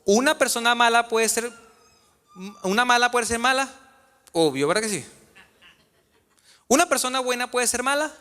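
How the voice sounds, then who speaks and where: A man's voice: very high voice, normal speed, pauses often, sharp tone, smooth. A man preaching a sermon as pastor, questioning his congregation in a church. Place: church sanctuary. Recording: reverberant church hall.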